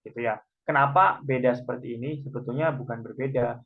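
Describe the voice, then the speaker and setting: A man's voice: mid-range voice, fairly even intonation, brisk, gravelly. A man teaching a Korean language class online, patiently explaining each point step by step. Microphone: video call. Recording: muffled video call audio.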